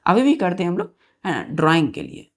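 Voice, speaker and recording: A woman with a lowish voice and a wildly swooping pitch moves fairly quickly through an online English grammar lesson for exam prep. Calling her students children, she quizzes them constantly, repeats key words, and spells them out letter by letter.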